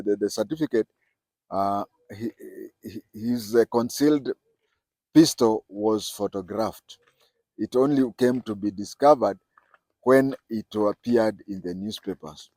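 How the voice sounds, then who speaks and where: A middle-aged man delivers political commentary alone. His voice sits at an ordinary middle pitch, and the sound is dry and close with no room echo. He speaks deliberately and repeats his main points to drive them home. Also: a little mellow.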